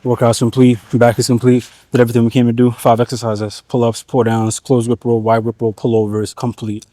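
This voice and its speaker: A man's voice: mid-range voice, little pitch movement, a little fast, mellow, no room sound. A man vlogging from the gym, coaching viewers through a back workout in a laid-back, slangy way, a little out of breath. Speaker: fitness vlogger. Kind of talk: casual gym vlog talk to camera.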